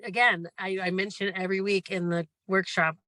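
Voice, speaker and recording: A life coach leads a gratitude workshop in a bright, forceful voice with a hoarse edge from losing it. The talk rambles earnestly and encourages the listener along. The recording is dry and close, with no room sound. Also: medium pitch, flat delivery, fairly quick, dry recording. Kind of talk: casual spoken workshop lesson.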